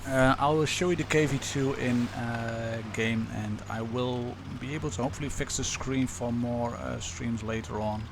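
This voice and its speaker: A Dutch man with a Dutch accent, casually commentating a live game stream with many pauses and restarts. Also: mid-range voice, steady tone, creaky, background noise. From Netherlands.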